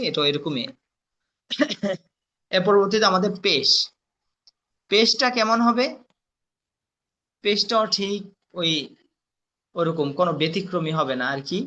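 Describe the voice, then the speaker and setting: Bright, high-pitched male teacher drilling sounds. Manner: slow, deliberate recitation with repeated drills and quiz questions to the class. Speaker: Quran reading teacher. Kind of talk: recorded lesson, drilling letter sounds.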